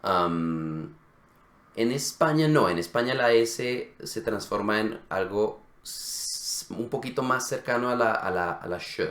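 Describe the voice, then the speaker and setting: Low-voiced man explaining pronunciation. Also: lively intonation, slow pace, a bit bright, reverberant. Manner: explanatory, demonstrates sounds. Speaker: Spanish teacher co-host. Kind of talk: casual conversational lesson.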